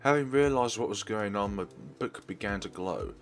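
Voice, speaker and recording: A let's play streamer reads a visual novel's text aloud dramatically and expressively, formal in manner with small stumbles. His voice is on the low side at a normal speed, with faint music behind him.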